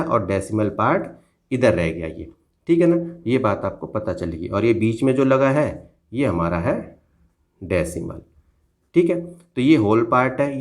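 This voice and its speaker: A man teaching a school math lesson, patiently addressing his pupils as children and checking they follow after each step. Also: medium pitch. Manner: patient, addresses pupils as "beta" and checks "theek hai na" often. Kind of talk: classroom lesson explained at a board.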